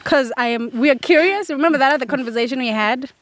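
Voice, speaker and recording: A woman's voice: high voice, quick pace, no echo. A woman chatting casually as a co-host, playful and teasing. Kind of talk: casual chat.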